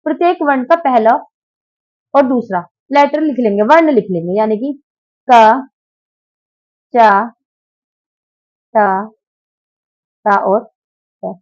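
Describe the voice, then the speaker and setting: A woman's voice: high-pitched, muffled recording. A woman teacher taking students patiently through exam questions, calling them 'beta' and drilling sounds aloud. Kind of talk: exam prep lesson.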